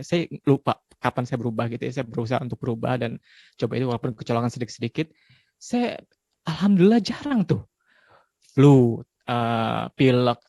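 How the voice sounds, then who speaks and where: A man in his forties giving a parenting talk in a relaxed, conversational way, dropping frequent tag questions. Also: mid-range voice, dry recording, clean studio sound. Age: 40s. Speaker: parenting speaker.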